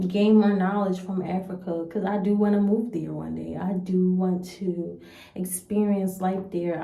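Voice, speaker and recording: A young woman from the United States speaks slowly and earnestly, thinking aloud in a casual vlog. Her voice is mellow and warm, and the room around her gives it a noticeable echo. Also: on the low side, vocal fry. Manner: earnest, rambling and hesitant. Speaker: vlogger. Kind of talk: casual reflective commentary to camera. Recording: roomy echo.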